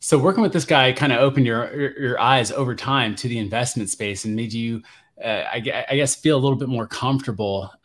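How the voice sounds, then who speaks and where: A man hosting a podcast interview, asking questions in a halting, friendly way with many restarts. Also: medium pitch, a bit bright. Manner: hesitant, stammering restarts. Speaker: podcast host. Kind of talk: casual interview.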